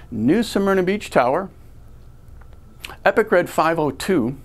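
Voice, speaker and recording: This American man, a flight school ground instructor, teaches at a slow pace with a deliberate, step-by-step style. His pitch is fairly high. Lecturing to camera with rhetorical questions in an indoor studio, he is recorded on a lavalier clipped to his shirt.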